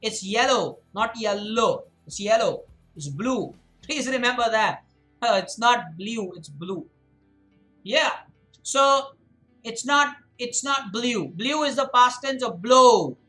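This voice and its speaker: Speaking in a very high, bright, forceful voice that is animated yet a little slow, a male chess coach teaches a live-stream lesson. He breaks down moves, corrects students by name, drills his points by repeating them, and reads out and answers the chat. Faint music plays behind the poor audio.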